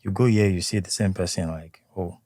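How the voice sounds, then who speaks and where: A young Nigerian man with a low, warm voice and a Nigerian accent speaks calmly and in a measured way as a guest in a conversational interview. The recording is dry, with no echo.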